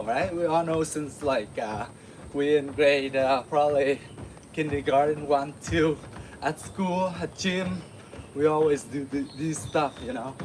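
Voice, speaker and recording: A man from Vietnam hosting a martial arts livestream, chatting casually with viewers while he warms up, with lots of uh fillers. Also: fairly high pitch, slight background noise. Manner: relaxed, chatty, many uh fillers, laughs often. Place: home in the city.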